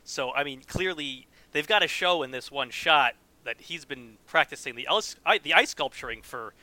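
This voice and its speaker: A man with a very bright, tense voice talks about the art of a sculpture. He leans on "you know" in nearly every sentence. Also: on the high side, animated, normal speed, no echo. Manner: says "you know" constantly. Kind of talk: casual film discussion.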